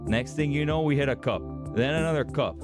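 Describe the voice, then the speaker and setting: A man playing a brash, hyped-up young Miami superfan with a Cuban-American accent, delivering a booming, dramatic motivational speech in slangy Spanglish over music. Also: a little fast, natural voice. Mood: fired-up, defiant. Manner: emphatic, dramatic build-ups, slangy Spanglish. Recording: background music under the voice.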